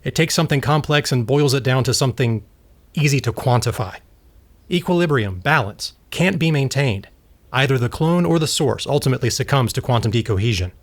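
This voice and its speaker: Grave and urgent, a male actor with a brisk, expressive, mid-range voice plays an earnest scientist in an audio drama. The character, a husband wrapped up in his work, speaks in a precise, explanatory manner.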